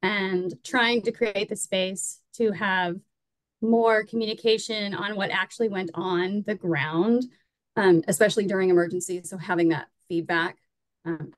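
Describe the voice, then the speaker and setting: A woman on a video call casually reporting on her breakout group, halting now and then with stumbles and fillers. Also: lowish voice, no room sound, poor audio. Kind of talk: online workshop report-out.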